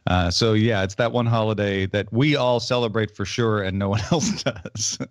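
American male co-host from Illinois, lowish voice, dry close mic, relaxed and wry. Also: normal speed, dry recording. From Illinois, USA. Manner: easygoing, wry, chuckles often. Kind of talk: casual podcast chat.

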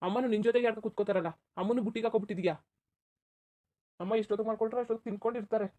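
A woman's voice: mid-range voice, steady tone, warm tone, dull audio, close to an everyday voice. A woman voicing an exasperated office-going husband in a cartoon, scolding his wife. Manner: scolding, fast. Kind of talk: cartoon voice acting.

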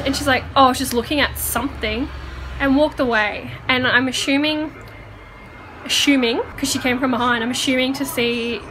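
A woman's voice: on the high side, bright, forceful tone, slight background noise, low-quality recording. A young woman talking casually to camera in a vlog, chatty and full of "like", at home over dinner. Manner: chatty, lots of "like", laughs often. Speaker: vlogger.

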